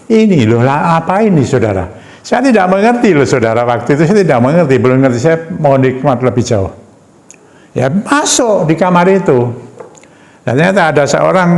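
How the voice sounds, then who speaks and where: A man's voice: medium pitch, darkish tone. A man from Indonesia preaching a sermon, telling a personal story and often calling listeners "brothers and sisters". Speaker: evangelist preacher.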